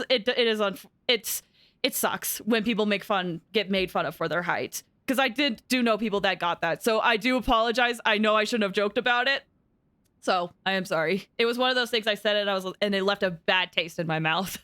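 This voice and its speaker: A young adult woman giving casual, giggly, excitable live reactions as she streams a game. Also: medium pitch, clear, resonant tone, no room sound.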